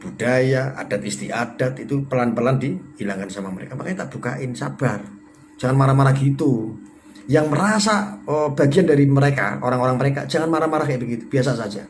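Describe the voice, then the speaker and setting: A man talks through a loose live stream in a mid-range voice. He teases his viewers with sarcastic, mock-proud asides, and his pitch and loudness swing up and down. A faint hiss of noise sits under his voice. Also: brisk. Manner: sarcastic and mock-boastful, with sudden jumps in pitch and volume. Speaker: live-stream host reading viewer comments. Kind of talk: rambling casual live-stream monologue.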